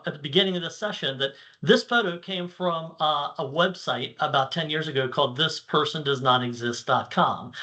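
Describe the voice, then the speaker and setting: A man presenting at a conference, chatting with an AI co-host in a friendly, relaxed way with occasional fillers. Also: a little high. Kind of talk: casual presentation.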